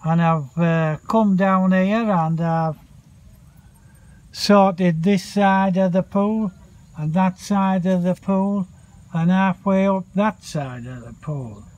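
High-voiced man chatting slowly to camera. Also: darkish tone, muffled recording. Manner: chatty, swears mildly, calls out to dogs. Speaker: vlogger. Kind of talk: casual vlog chat. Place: outdoors by a pool.

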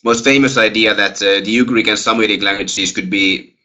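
Speaking quickly with a sharp edge, this guest lecturer has a lowish, fairly even voice and a Finnish accent. The young man is answering webinar questions over a headset during a video call, hesitating often and restarting with plenty of fillers.

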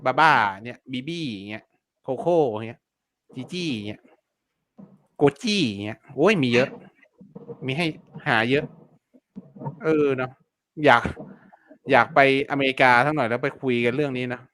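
A man's voice: medium pitch, moderate pace, long pauses, a bit bright, a little hiss or hum. A man teaching online selling in a casual live-stream lesson, chatty and repetitive, full of fillers and polite particles. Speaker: online seller teaching keyword research.

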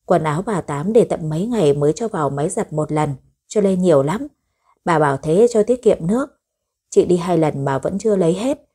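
A woman reads a village family story aloud in a scripted narration style. Her voice is low, mellow and slightly husky. She voices each character herself and gets a little louder in the quarrels. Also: lively intonation, fairly quick.

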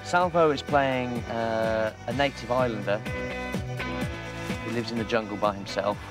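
A man's voice: lowish voice, unhurried. A man being interviewed, talking casually and hesitantly with fillers. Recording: music clearly behind the voice.

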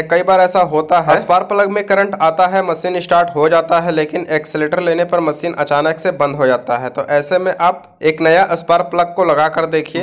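A man from India explaining a machine repair step by step, talking straight to viewers in a plain instructive way. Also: a little high. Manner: plain instructive talk, addresses viewers directly. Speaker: repair channel host.

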